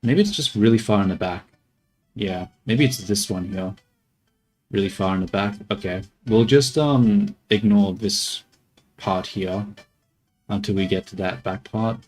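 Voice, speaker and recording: Faint music plays behind an unhurried, slightly mellow, lowish male voice. He's streaming his 3D character modeling, half talking to himself and half joking with chat.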